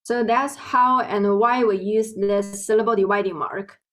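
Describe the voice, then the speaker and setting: A woman from Beijing with a Chinese accent, explaining pronunciation slowly and carefully as a language teacher. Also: mid-range voice, fairly even intonation, a bit bright, rough recording. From Beijing, China. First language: Mandarin Chinese. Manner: slow, careful explaining with drawn-out example words. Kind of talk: online language lesson.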